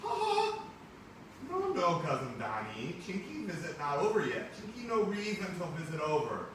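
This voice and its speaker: A screeching, giggly cartoon cousin, his voice leaping wildly high and low. He yelps out fight noises between clipped, broken phrases. It sounds echoey and distant, with room noise behind it. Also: wildly swooping pitch, moderate pace. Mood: gleeful. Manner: squealing, broken-phrased, with shouted sound effects. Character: loud, shrill, cackling male cartoon cousin character. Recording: echoey classroom, far from mic, background noise.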